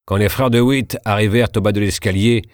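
A man narrating a historical story in a measured, steady reading. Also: lowish voice, clean tone, dry recording, clean studio sound.

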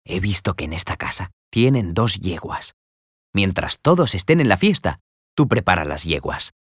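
A scheming young nobleman speaks low and unhurried, with a mocking edge, read by a man. His voice sits deep and dry. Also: sing-song, a bit bright, slightly rough, no echo, full character voice.

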